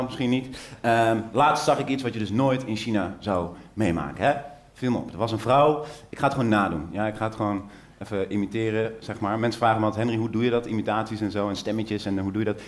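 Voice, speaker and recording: A man from Brabant performing stand-up comedy on stage, rambling in a deadpan, mock-earnest way. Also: mid-range voice. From Brabant, Netherlands. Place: theater stage. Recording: roomy theater stage.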